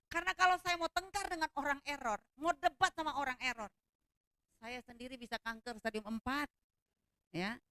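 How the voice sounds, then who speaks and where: A woman pastor preaching a sermon in a loud, animated storytelling manner, often calling out hallelujah. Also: high-pitched, fairly quick, dry recording. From outside Java.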